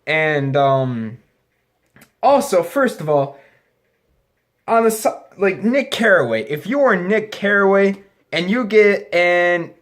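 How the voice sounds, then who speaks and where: A man's voice: fairly high pitch, a bit bright. A man getting drunker as he gives a casual, rambling film review, losing his thread, restarting sentences and swearing crudely. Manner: profane, crude slangy talk. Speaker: amateur movie reviewer.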